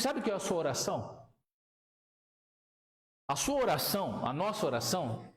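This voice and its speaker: Man, very high voice, animated sermon, echoey room. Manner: animated preaching, asks the congregation questions. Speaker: preacher.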